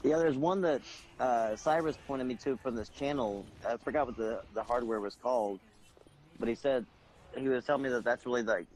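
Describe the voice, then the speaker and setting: A man's voice: medium pitch, moderate pace, a little mellow, rough recording. A man co-hosting a gaming podcast, telling stories in a rambling, profane way. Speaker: podcast co-host. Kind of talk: casual gaming chat.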